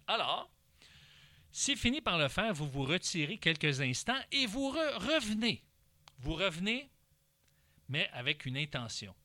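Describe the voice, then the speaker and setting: A man's voice: fairly high pitch, no room sound. A man with a Québécois accent giving instructional parenting advice, now and then acting out what parent and child say. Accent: Québécois French. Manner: animated, briefly acts out parent and child lines. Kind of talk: instructional talk.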